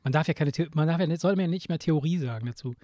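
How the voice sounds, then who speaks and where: A middle-aged man bantering with a friend, teasing and laughing easily. His voice sits a bit high and he hesitates with many fillers. The recording is close and dry. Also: rapid-fire, mellow, no room sound. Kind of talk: casual chat.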